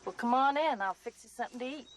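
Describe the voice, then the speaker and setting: An actress playing a brisk, practical frontier farm mother who scolds her daughters. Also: high-pitched, lightly acted. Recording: film soundtrack with farm noise.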